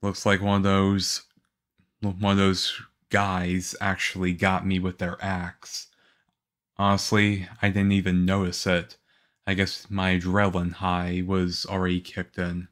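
Man acting as Leon Kennedy, low, unhurried young agent. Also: completely flat delivery, a bit bright. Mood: calm, casual. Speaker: audio roleplay voice actor. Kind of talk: ASMR roleplay acting.

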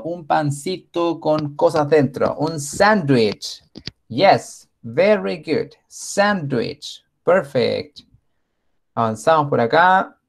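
Slow, patient male teacher. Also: fairly high pitch, creaky. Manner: slow, patient, praising often. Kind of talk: online class for young children.

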